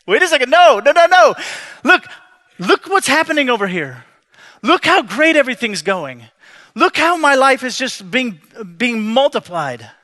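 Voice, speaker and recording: A preacher acting out a panicky, pleading Jacob. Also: male voice, very high-pitched, wildly swooping pitch, moderate pace, bright, forceful tone, heavily acted. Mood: panicky protest. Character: nervous reluctant biblical man, pleading.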